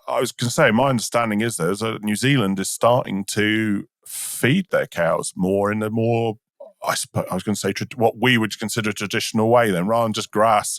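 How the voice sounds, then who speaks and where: Low-voiced male podcast host, chatty, acts out quotes in anecdotes, dry close mic. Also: fairly bright tone, dry recording. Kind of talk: casual podcast interview.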